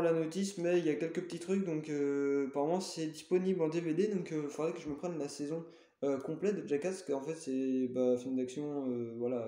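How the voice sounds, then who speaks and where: A man with a slightly high, dark-toned voice shows off his game collection in a casual show-and-tell. He's hesitant, full of fillers and self-corrections, and the room sounds echoey.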